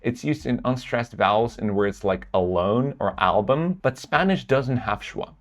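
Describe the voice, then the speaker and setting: A man with an average-pitched voice presents a lesson. He narrates in an explanatory style, as a teacher of pronunciation would. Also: expressive, unhurried.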